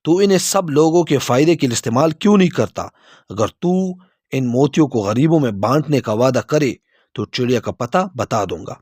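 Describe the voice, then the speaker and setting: A man's voice: mid-range voice, lively intonation, darkish tone, no echo, clean studio sound, lightly acted. A man voicing the sea as a stern speaker scolding a greedy king in a storybook tale. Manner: stern, admonishing.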